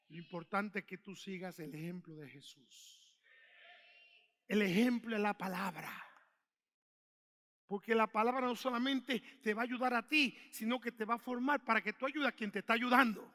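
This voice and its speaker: Fiery, bright-voiced preacher in a reverberant church. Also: male voice, high-pitched. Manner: preaching with shouts and call-and-response. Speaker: pastor. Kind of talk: sermon.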